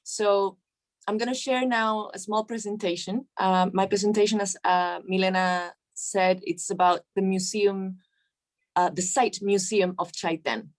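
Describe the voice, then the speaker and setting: A woman from Chile, a museum foundation director, presenting at an online seminar in a friendly, informal way, with halting fillers and easy laughs, heard over a video call. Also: mid-range voice, steady tone.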